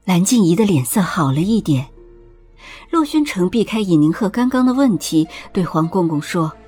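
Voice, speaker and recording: A woman narrating a palace drama audiobook in a steady, expressive storytelling voice. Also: fairly low pitch, moderate pace, slightly rough, faint music behind.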